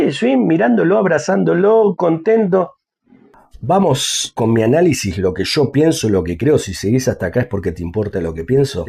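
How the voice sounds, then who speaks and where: A man's voice: on the low side, gravelly, dark tone, breathy edge. A man with an Argentine Spanish accent, casually commenting on a music video and talking straight to his viewers. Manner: chatty, talks to viewers, hums and sings snippets. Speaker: music reaction youtuber. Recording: faint music playing behind.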